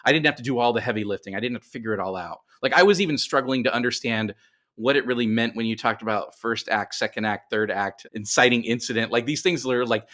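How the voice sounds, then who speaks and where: This middle-aged man talks fast at a medium pitch, with a slightly bright tone. He's a podcast guest telling his story conversationally, often circling back on himself as he explains.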